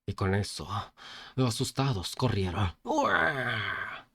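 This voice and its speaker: A man's voice: mid-range voice, animated, moderate pace, darkish tone. A young man narrating a comic recap casually, throwing insults at side characters.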